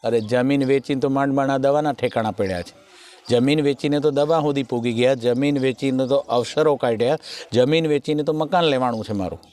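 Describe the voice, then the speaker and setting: A man's voice: mid-range voice, a little fast. Kathiyawadi guy cracking folk jokes, voices all the characters himself. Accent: Kathiyawadi Gujarati. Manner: animated joke-telling, acting out characters' lines. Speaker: stand-up comedian telling jokes. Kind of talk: Gujarati folk comedy storytelling.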